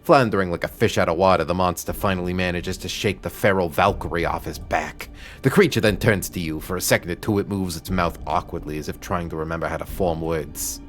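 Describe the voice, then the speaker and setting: A man streaming, reading a visual novel's narration aloud in a steady voice with occasional stumbles. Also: sits low, a little fast. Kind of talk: reading game text aloud.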